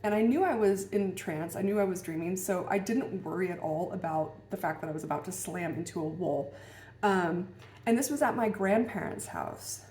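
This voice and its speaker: A woman's voice: lowish voice, normal speed, darkish tone. A woman telling a personal story in a casual, musing way, hesitant and full of fillers and restarts. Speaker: vlogger. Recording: roomy echo.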